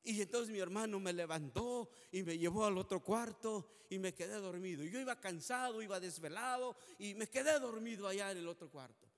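A man preaches a heartfelt testimony in a strikingly high voice. He speaks earnestly and swells into fervent prayer, and every word trails off in the long reverb of a large hall. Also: brisk, few pauses. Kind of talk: emotional testimony sermon.

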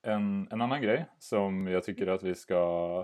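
A man's voice: low voice, darkish tone. A man co-hosting a podcast in casual chat, laughing, self-mocking and swearing casually. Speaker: podcast co-host.

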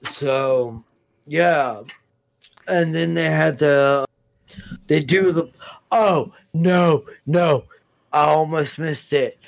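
Slow-talking man in casual chat. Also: fairly high pitch, vocal fry, dry recording. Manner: rambling, restarts sentences, swears casually. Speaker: podcast co-host. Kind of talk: casual chat recapping a TV episode.

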